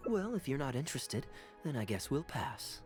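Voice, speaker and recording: A sly, suave game captain, acted by a man, with a lively swing in his pitch. He talks in a wry, unhurried, teasing way over background music. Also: lightly acted. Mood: wry, amused. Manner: smooth, wry, leisurely. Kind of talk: video game voice acting.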